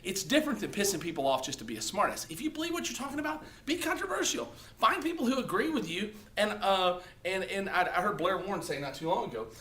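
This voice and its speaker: This guy's voice sits high and swings widely in pitch; he talks fast with hardly a pause, bright and forceful. His casual social-media advice to the camera is blunt and profane, peppered with "okay?" tag questions.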